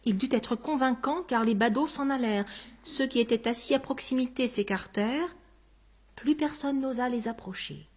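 Female audiobook narrator, fairly high voice, measured. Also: a little mellow, breathy edge. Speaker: audiobook reader. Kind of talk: scripted narration.

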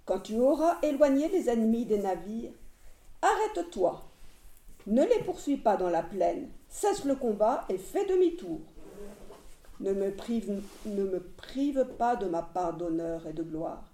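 A woman reading the lines of a proud, wrathful male warrior hero, in a grave, measured way. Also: medium pitch, sing-song, warm tone. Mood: stern. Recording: roomy echo.

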